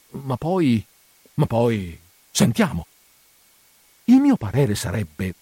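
Un uomo che interpreta una governante curiosa e insistente, tra suppliche e rimproveri, in un audiolibro. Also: male voice, mid-range voice, mellow, no echo. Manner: pressing, coaxing and scolding. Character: nosy, insistent middle-aged housekeeper woman.

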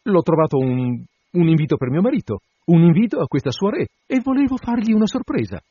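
A man's voice: on the high side, very animated, brisk, breathy edge, no echo, lo-fi sound, pitched above the performer's own voice. A man voicing a proud, bewildered noble marchioness in a storybook reading. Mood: flustered. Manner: dignified, puzzled.

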